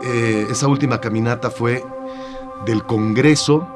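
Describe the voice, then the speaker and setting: A man recounting a family memory in a documentary interview, in an earnest, deliberate way. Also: mid-range voice, over loud music. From Bolivia. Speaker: interviewee, son.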